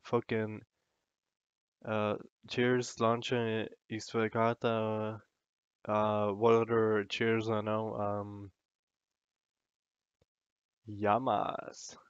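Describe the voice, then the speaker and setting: Drunk guy vlogging, slow and sweary, pretty monotone, kinda dull lo-fi mic. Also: lowish voice, clear, resonant tone, dry recording. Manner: sweary, meandering, self-deprecating. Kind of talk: casual rambling chat to camera.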